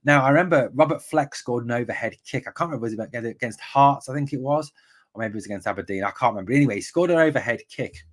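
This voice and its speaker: A man's voice: medium pitch, fast. A man in his forties from the northeast of England hosts a live fan podcast from a room at home. He talks in a loose, rambling way, wandering off on tangents and restarting sentences, with an ordinary mid-range voice. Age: 40s. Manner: rambling, chatty, goes off on tangents, many fillers and restarts. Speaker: podcast host. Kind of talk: live-stream football chat.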